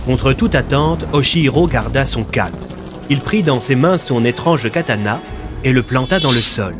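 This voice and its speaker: A man reading a dramatic audio story in a steady, expressive voice. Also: medium pitch, moderate pace. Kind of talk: scripted dramatic narration. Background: faint music.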